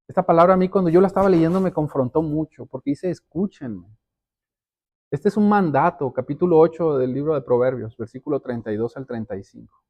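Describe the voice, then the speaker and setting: A pastor preaches earnestly to his congregation, often repeating words as he builds a point and addressing listeners directly as brothers and sisters. His voice is on the high side with a darkish tone.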